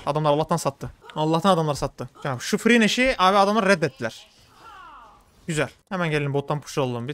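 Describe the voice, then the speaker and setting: A young man commenting on his own game as he plays, talking fast and getting worked up. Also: a little high. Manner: rapid, excitable, swings into frustrated outbursts. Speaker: gaming streamer. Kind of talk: live gameplay commentary.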